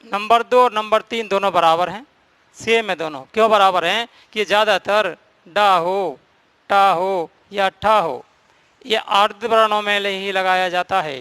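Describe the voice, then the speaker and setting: A male Hindi teacher runs a grammar class, explaining each rule step by step and stressing key points in a high, clear, crisp voice. His tone is bright and forceful at a measured pace, recorded close and dry with no room echo.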